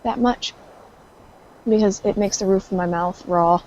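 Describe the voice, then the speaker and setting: A woman's voice: mid-range voice, a little slow, darkish tone, slight background noise. A woman player chatting casually before a tabletop game, rambling on in a chatty way. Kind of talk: casual chat. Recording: dull lo-fi voice chat.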